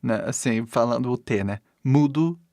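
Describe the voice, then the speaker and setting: A man's voice: mid-range voice, normal speed, dark tone, no room sound, studio quality. A middle-aged man teaching pronunciation as a language teacher. English is his first language, and his Portuguese carries an English-speaking accent. He speaks patiently, repeating example words, exaggerating the sounds and often checking in with his listeners. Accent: English-speaking learner's Portuguese. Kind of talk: pronunciation lesson.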